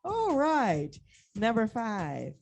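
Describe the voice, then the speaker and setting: A woman co-hosting a casual show, bantering, laughing and giving shout-outs. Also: fairly high pitch, huge pitch swings, very slow, vocal fry, faint music behind. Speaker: co-host.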